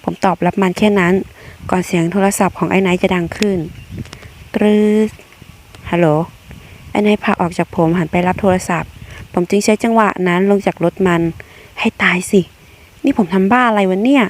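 A woman reading a romance web novel aloud, narrating in a blunt, slangy first-person voice. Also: fairly low pitch. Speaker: audiobook reader.

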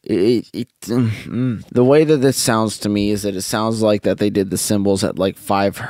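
A man's voice: on the low side, steady tone, moderate pace, a little mellow, no echo. A man in his twenties giving a casual, drunk and rambling review into a close microphone. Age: 20s. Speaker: music reviewer. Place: small home music room, indoors. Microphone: close boom-arm microphone with headphones.

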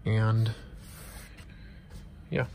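Low-voiced young man with Croatian English. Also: steady tone, creaky, warm tone, a little hiss or hum. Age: young adult. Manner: halting, many fillers, non-native phrasing. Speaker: car reviewer. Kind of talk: casual walkaround car review. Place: car dealership showroom, inside a car. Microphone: handheld camera close to face.

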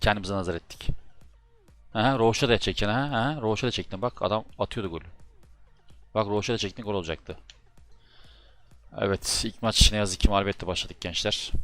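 A man doing live commentary over his own football video game match, often exasperated and shouting at his players and his keyboard. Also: fairly low pitch. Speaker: gaming YouTuber.

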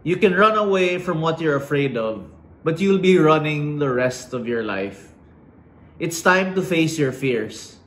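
A middle-aged man giving an inspirational commencement speech indoors, slow and dramatic with emphatic pauses. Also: a little high, lively intonation, fairly bright tone. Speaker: commencement speaker. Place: indoors against a plain wall. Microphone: fixed camera at chest framing. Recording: roomy echo.

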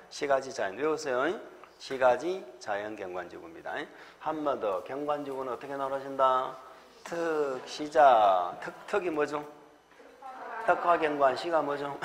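A man's voice: mid-range voice, in a large hall, a little hiss or hum. A man with a Gyeongsang accent giving an exam-prep lecture, drilling mnemonics and chuckling often.

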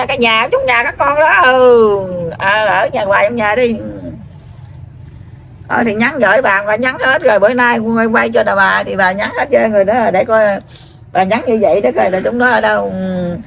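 A woman with a Southern Vietnamese accent, speaking in trance as a grandmother spirit in a scolding, rambling, repetitive way full of drawn-out fillers. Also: a little high, vocal fry, fairly bright tone, slight background noise. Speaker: spirit medium.

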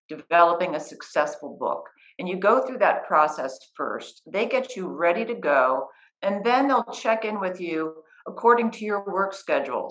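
In a relaxed interview on her living-room couch next to a guest, a middle-aged editor and writing coach lays out her process step by step with patient practicality. Her fairly low voice sounds pushed and bright, and the audio is poor.

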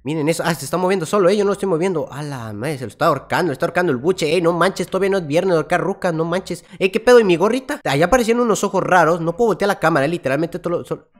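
A man with a Mexican accent commenting on a horror game as he plays, jumpy and full of slang, who yells and laughs when something startles him. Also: a little high, very fast, few pauses. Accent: Mexican Spanish. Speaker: gaming YouTuber.

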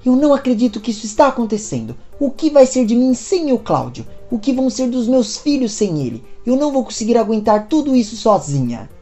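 Lady reading as a scared soap mom, pleading, lots of up-and-down questions, darkish mellow tone. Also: on the high side, very animated, brisk, hardly any pauses, soft background music, pitched above the performer's own voice. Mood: anguished. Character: worried middle-aged mother and wife.

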